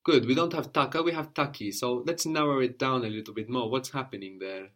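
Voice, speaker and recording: Male tutor, mid pitch, patient drilling style, repeats and corrects. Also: a little fast. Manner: patient, prompting questions and repeating answers. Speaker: language teacher. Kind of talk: one-on-one language lesson.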